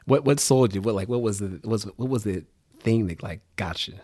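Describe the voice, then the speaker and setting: A man's voice: fairly low pitch, moderate pace, mellow, no echo, clean studio sound. A man hosting a casual interview, eagerly asking questions and often restarting them. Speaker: podcast host.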